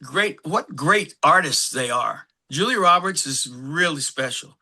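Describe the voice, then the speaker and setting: A man, an actor guest, telling lively anecdotes and acting out what others said, laughing often. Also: fairly high pitch, unhurried. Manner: animated anecdotes, acts out quotes, laughs often. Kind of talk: casual storytelling.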